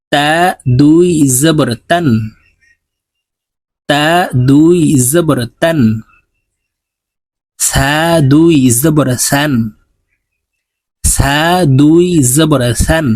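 A man teaching Quran letter pronunciation, reciting each sound slowly and evenly for students to repeat. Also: on the high side, a little mellow, no room sound. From Bangladesh. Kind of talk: slow recitation drill lesson.

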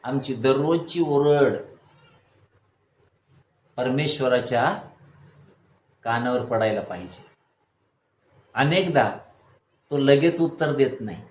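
A male pastor preaching a sermon. He asks the congregation questions, answers them himself, and builds to loud exhortation. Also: medium pitch, animated, slow pace, pauses often. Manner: call-and-response preaching, rising to loud exhortation. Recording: echoey room, faint ambience.

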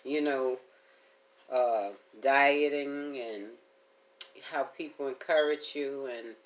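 A middle-aged woman with a rumbling low voice vlogs from home, chatting to viewers in a rambling, homey way as she eats and hums between bites. She speaks slowly in a steady tone.

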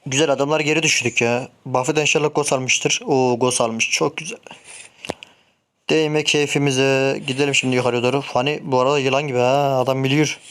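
A man giving casual, excitable commentary as he plays a mobile game, grumbling and cursing at his teammates. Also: medium pitch, fairly quick. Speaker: gameplay streamer.

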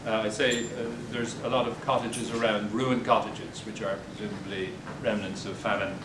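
Captured from afar on a camera mic, an older man gives a poetry reading indoors at a bookstore podium, his voice showing little pitch movement. He halts hesitantly between poems with spoken asides, and the room echoes over a background rumble.

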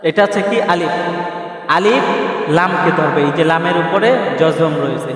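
A man's voice: fairly high pitch, moderate pace, a bit bright. A man teaching Quran reading step by step, asking questions and answering them himself, spelling out letters in a chanting sing-song. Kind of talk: step-by-step recitation lesson. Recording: echoey hall, mic far off.

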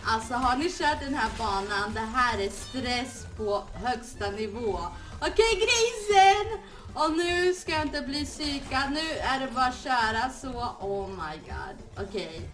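A young woman gamer with a high, bright voice talks through her play in an excitable rush, swinging between shrieks and giggles. English exclamations keep slipping into her talk. Her voice rings in an echoey room, with game music playing softly behind her. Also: few pauses, far from the mic. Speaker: gaming streamer. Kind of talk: excited let's-play commentary.

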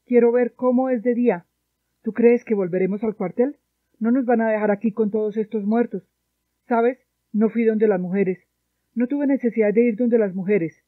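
A young soldier confesses in a quiet, halting way, voiced by a woman reading aloud. The voice sits high. The sound is thin and boxy like a phone line, with no room around it. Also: dry recording, close to an everyday voice. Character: young male soldier haunted by a killing. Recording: dry, tinny phone-like sound.

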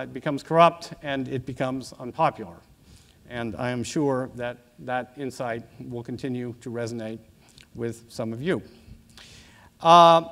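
Older male professor lecturing, slightly high voice. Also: fairly bright tone. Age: 60s. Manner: measured, discursive professorial delivery with asides. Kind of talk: academic lecture. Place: auditorium stage at a lectern, indoors.

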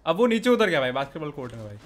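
A man's voice: fairly high pitch, very animated, rapid-fire. A man in a gaming group, calling out where the enemy is and telling teammates what to do. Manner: calls out enemy locations, keeps saying bro. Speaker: teammate in an online game. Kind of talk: casual gaming chat.

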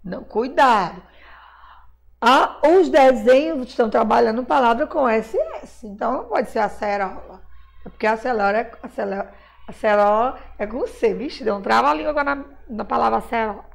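A Brazilian primary school teacher with a slightly high, gravelly voice patiently teaches young children. She spells words out slowly, drawing out each syllable, uses diminutives, and refers to herself as auntie.

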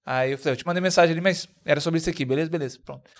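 Fast-talking, jokey man on a podcast. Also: on the high side. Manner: quick, jokey, chimes in often and laughs easily. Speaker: podcast co-host. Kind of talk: casual chat.

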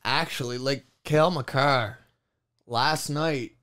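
A man's voice: medium pitch, takes it slowly, sharp tone. A man co-hosting a casual sports podcast, emphatic and swearing freely, with the hiccups. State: has the hiccups. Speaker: podcast co-host.

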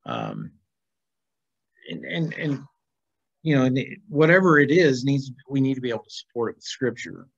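Reading and commenting in an informal video-call Bible class, the middle-aged man puts questions to his listeners in a sing-song, mid-range voice that's gravelly with a breathy edge, at normal speed and with frequent pauses. A computer mic in a small plain indoor room gives dull, lo-fi sound.

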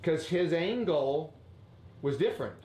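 In an echoey basement room with faint ambience, a man gives a casual lesson, asking prompting questions and ending lines with "right?". His voice sits on the high side, animated yet unhurried, with a warm tone.

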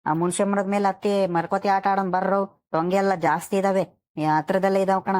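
A woman's voice: mid-range voice, level tone, fairly quick, darkish tone, natural voice. A woman voicing an easygoing village boy, talking his friends into a game. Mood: coaxing. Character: easygoing village boy who suggests games. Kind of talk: cartoon voice acting.

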